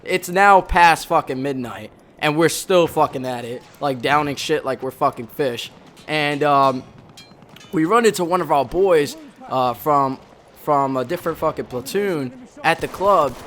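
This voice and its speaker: A man's voice: on the high side, unhurried, fairly bright tone, slight background noise. Rambling, foul-mouthed young man from the Bronx. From the Bronx, New York. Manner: rambling, heavy swearing, frequent self-corrections. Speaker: former Marine storyteller. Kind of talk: casual profane storytelling over gameplay.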